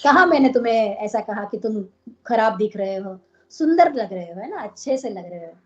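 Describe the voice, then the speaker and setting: A woman's voice: a little high, lively intonation, moderate pace, dark tone, a little hiss or hum, close to an everyday voice. A woman voicing a playful young goddess who teases and then coaxes her beloved, in a devotional story, on a dull lo-fi recording. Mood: coaxing. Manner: teasing, coaxing.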